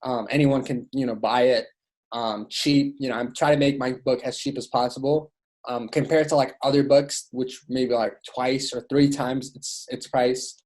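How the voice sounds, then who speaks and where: His medium-pitched voice holds a steady tone, with a darkish color and moderate pace. Born in Iraq, this young adult student author and educator is a podcast guest speaking casually and enthusiastically in an interview, often saying "like" and "you know."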